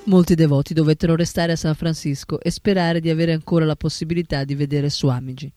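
A man narrating a biography in a steady, solemn scripted reading. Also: on the high side, fast. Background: faint instrumental music.

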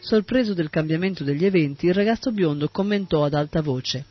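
A man narrates a story in a steady, measured reading voice. His voice sits somewhat high. Soft sitar music plays behind him, and the recording is dull and muffled.

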